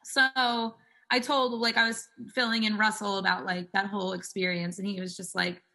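A young woman in her twenties with a bright, forward tone tells a story in a relaxed interview. She talks in a chatty way and scatters "like" through nearly every phrase. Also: medium pitch, normal speed, vocal fry. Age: 20s. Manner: chatty, fills speech with "like". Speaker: singer guest.

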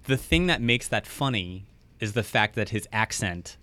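A man's voice: fairly low pitch, lively intonation, normal speed, pushed and bright, dry recording. A young man in casual podcast chat, rambling with restarts and fillers.

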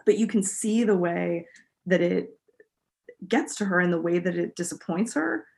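Animated woman podcast co-host. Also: on the low side, normal speed, gravelly. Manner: thoughtful, animated, many fillers. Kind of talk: casual chat.

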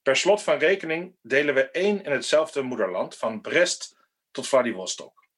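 An actor playing a defiant, threatening autocratic head of state in a radio drama, speaking with contempt. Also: male voice, medium pitch, lively intonation, moderate pace, fairly bright tone, breathy edge. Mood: sarcastic. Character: aging male autocratic president, defiant and menacing.

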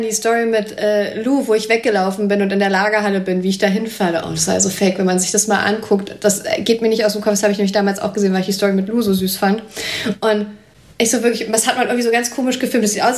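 A woman's voice: mid-range voice, flat delivery, fast talker. A woman in casual chat, animatedly recounting scenes she once acted in on a TV series, often laughing. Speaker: former actress on a TV series, podcast guest. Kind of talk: casual chat, recalling filming.

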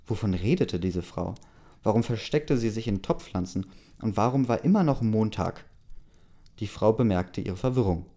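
A man's voice: lowish voice, lively intonation, moderate pace, dark tone. A man casually reading a story aloud, hesitant, with many fillers. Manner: hesitant, many fillers, laughs between lines. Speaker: story reader.

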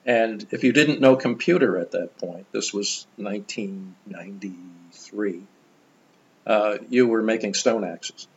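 An older man, a guest in an interview, telling stories in an animated, enthusiastic way. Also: lowish voice, a little slow, dull audio. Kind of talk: conversational storytelling.

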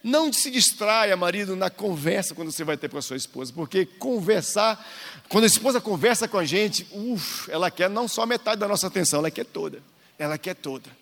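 A man's voice: high-pitched, expressive, fairly quick, creaky, a bit bright. A man in his forties telling family stories with playful acted-out dialogue, co-leading a church marriage talk. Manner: storytelling, acts out dialogue, playful. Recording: echoey hall with long reverb.

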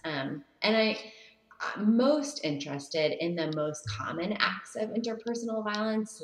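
A woman researcher answering interview questions in a thoughtful, measured, articulate way. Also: on the low side. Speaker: guest researcher. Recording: roomy, echoey remote connection.

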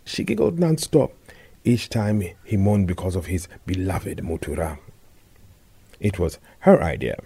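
Deep, husky male storyteller. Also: expressive, measured pace, dark tone. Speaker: narrator. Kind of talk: scripted narration.

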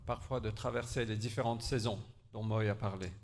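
A man preaching a sermon in short phrases, pausing for an interpreter, with an earnest, slightly halting delivery. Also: fairly low pitch, steady tone, a little hiss or hum.

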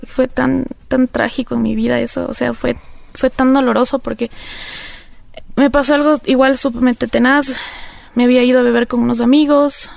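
An interview guest with an Ecuadorian Spanish accent candidly tells the story of her personal recovery, rambling and using many fillers. Her voice is high-pitched, creaky and a little mellow, and there is no room sound.

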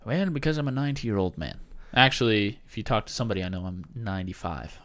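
A man's voice: fairly low pitch, animated, fast, fairly bright tone. Dry-humored male podcast co-host. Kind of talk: casual chat.

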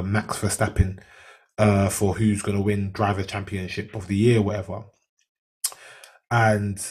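A man with a London roadman accent talks casually in street slang. His voice sits fairly low with a husky edge, and he tells things in an animated, storytelling way. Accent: London, urban street.

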